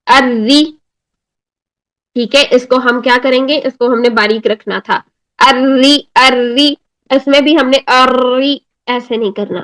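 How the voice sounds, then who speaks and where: A woman with a Pakistani Urdu accent teaching an online recitation lesson, patiently explaining step by step and slowly demonstrating drawn-out recited words. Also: on the high side, poor audio.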